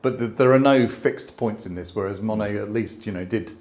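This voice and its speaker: A man's voice: lowish voice, a little fast, darkish tone. A man in his sixties, a landscape photographer, talking thoughtfully at an exhibition, with frequent restarts and asides. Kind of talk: conversational exhibition talk. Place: exhibition space before an audience.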